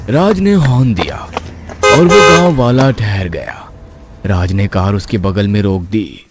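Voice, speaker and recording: A man narrating an animated horror story in a hushed, suspenseful way. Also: on the low side, unhurried, over loud music.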